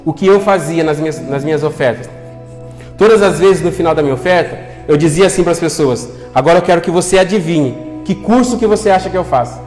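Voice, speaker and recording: Young male preacher, high voice, storytelling sermon with soft music underneath. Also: fairly quick. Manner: storytelling, acting out quoted voices, earnest appeals. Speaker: pastor. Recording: long hall reverb with soft music.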